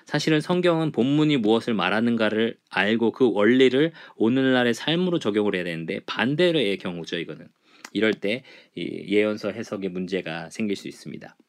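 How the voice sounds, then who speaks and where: A man's voice: on the low side, lively intonation, brisk. A middle-aged man lecturing a church Bible class, explaining point by point with frequent fillers. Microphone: writes on a board while teaching.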